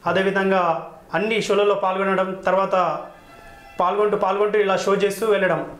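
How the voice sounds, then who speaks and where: Young man, polite interviewee, high voice, echoey room. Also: fairly even intonation, normal speed, a bit bright. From Telangana, India. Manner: polite, says sir often. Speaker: magician and mimicry artist. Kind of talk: interview answers and magic show patter.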